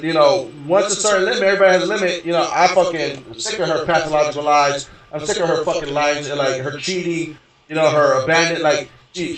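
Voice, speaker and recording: A man's voice: on the high side, a bit bright. Guy ranting on his stream, cussing a lot, keeps restarting, sounds roomy and away from the mic. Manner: repetitive, restarts, keeps saying "you know what I mean". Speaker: gaming streamer. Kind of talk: rambling profane rant. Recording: echoey room, voice far from mic.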